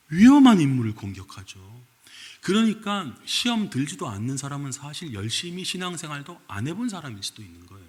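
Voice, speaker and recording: Korean pastor guy preaching, keeps asking the church stuff, big echoey sanctuary. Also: fairly high pitch. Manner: animated, keeps asking the congregation questions. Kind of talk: sermon. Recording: long reverb of a church hall.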